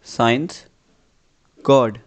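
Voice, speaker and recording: A man giving an English dictation as a teacher, reading deliberately phrase by phrase and repeating phrases. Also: medium pitch.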